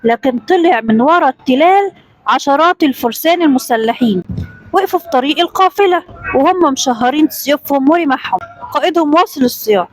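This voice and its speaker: A woman with an Egyptian accent narrating a children's story in a lively, dramatic way. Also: high voice, quick pace, a little hiss or hum, rough recording.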